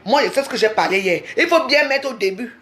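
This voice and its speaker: A woman's voice: on the high side, lively intonation, a little fast, a bit bright. A woman in a heated livestream rant, confrontational and repeating herself insistently. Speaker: social media livestreamer.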